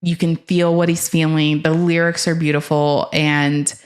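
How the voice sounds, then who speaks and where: A woman's voice: low voice, flat delivery, measured pace. A young woman hosting a casual talk about favorite songs, rambling and enthusiastic with many fillers and restarts. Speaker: host. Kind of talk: casual chat about music.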